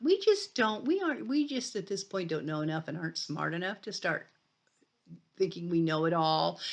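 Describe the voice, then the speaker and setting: A middle-aged Irish woman lectures at a university with an Irish accent, her voice lowish and creaky. The college lecture is conversational, full of restarts and asides.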